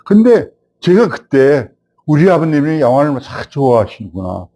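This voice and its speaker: A man's voice: on the high side, moderate pace. Older man telling stories with animation. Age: 70s. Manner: animated storyteller, rising when recalling the past. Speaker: film director, guest. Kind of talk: reminiscing storytelling.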